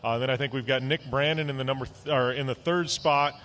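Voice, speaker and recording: A man calling live off-road race action as play-by-play commentator, getting excitable in close battles. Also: mid-range voice, a little fast, a little hiss or hum. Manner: excitable, rises sharply during close racing.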